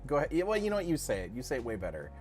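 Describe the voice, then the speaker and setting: A middle-aged man chats on a livestream with an animated, bouncing pitch, joking along and often restarting his sentences. Faint music plays underneath his voice. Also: very fast. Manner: rambling, self-correcting, jokey. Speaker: co-host of a crypto dev livestream. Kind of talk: casual livestream chat.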